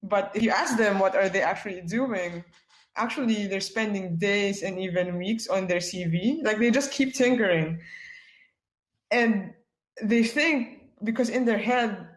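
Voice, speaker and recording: This Filipina product manager, appearing as a webinar guest speaker, has a medium pitch and takes her time. Her casual, talkative delivery is peppered with "like" and "yeah." Echo from the room is audible.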